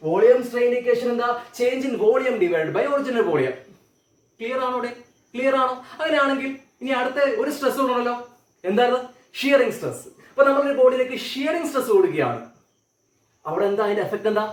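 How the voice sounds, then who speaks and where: High-voiced Malayali man teaching physics. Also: expressive, recorded from a distance. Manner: asks students questions and answers them, repeats key terms slowly. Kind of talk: classroom physics lecture. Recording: echoey room, voice from off the mic.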